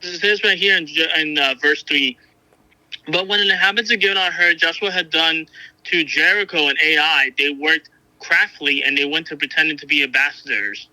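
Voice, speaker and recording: A man's voice: on the high side, fairly even intonation, pushed and bright, dry recording, low-quality recording. A man reading a Bible passage aloud and then discussing it casually, often stumbling and restarting his sentences. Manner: halting, frequent restarts and fillers. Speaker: Bible reader and discussion partner.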